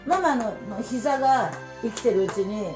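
A woman's voice: fairly high pitch, expressive, moderate pace, a little mellow, faint music behind. A tipsy woman in her fifties chatting casually in a group. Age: 50s. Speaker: host's mother, channel regular. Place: indoor room, sofa around a table.

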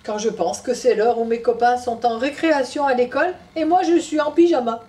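A woman's voice: on the high side, fairly quick, dark tone, voice pushed up, natural voice. A woman voicing a small boy rabbit in a read-aloud children's story, complaining in a whiny way. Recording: voice from a distance off the mic.

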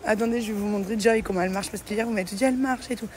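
A woman's voice: mid-range voice, racing, slight background noise. A young woman vlogger and mother chatting casually to camera, repeating words and using many fillers. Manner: chatty, repeats words, fillers, warm toward her daughter.

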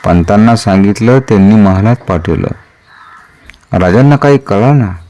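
Low mellow-voiced male storyteller. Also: moderate pace, dull audio. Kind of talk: dramatic narration of a historical novel.

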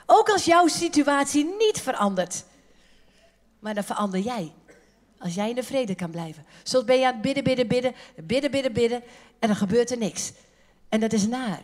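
Casting: a high-voiced woman preacher, chatty and humorous, a lively sermon at a conference. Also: moderate pace. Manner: lively, joking, colloquial, acts out quotes. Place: church conference hall.

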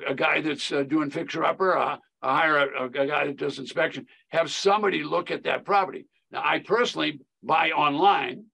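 A man's voice: on the high side, creaky, bright, forceful tone, breathy edge. An older man explaining real estate investing on a video call, folksy and emphatic with a lot of repetition. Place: home office.

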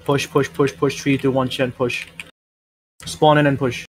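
A man's voice: medium pitch, level tone, unhurried, a little hiss or hum, low-quality recording. A man leading a squad in gaming voice chat, barking repeated orders and swearing a lot. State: out of breath. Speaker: squad leader giving commands.

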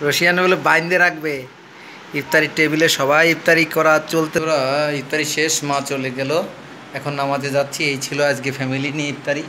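A middle-aged man chats casually through a family vlog at home, tired from fasting and teasing his child playfully. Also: fairly high pitch, flat delivery, pushed and bright, a little hiss or hum. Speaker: family vlogger. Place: family home at the iftar table.

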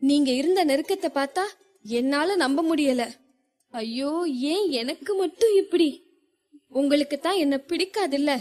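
A woman's voice: high-pitched, a little slow, darkish tone, faint music behind. Woman reading a hurt young wife. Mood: hurt, pleading. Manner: pleading, wounded. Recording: long hall reverb.

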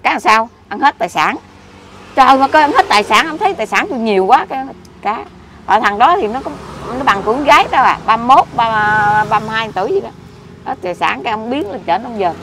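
Woman, Southern Vietnamese accent, middle-aged, quick excitable rambling, loud traffic noise behind. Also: on the high side. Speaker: interviewee. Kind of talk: rambling street conversation. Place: outdoors by a street.

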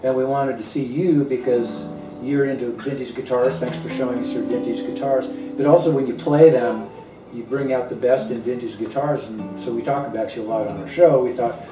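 Man co-host, mid pitch, easygoing teaser, miked from afar with guitar in the room. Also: fairly even intonation, brisk. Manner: friendly, teasing, meandering questions. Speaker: show co-host. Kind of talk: casual interview questions. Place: kitchen at home, indoors. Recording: roomy kitchen, far mic, guitar behind.

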